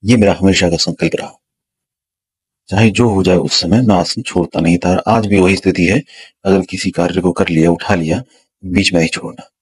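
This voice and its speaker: A man, a spiritual teacher, slowly and dramatically telling of his own spiritual experience, repeating words to build suspense. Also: sits low, steady tone, breathy edge. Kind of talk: storytelling a personal spiritual experience.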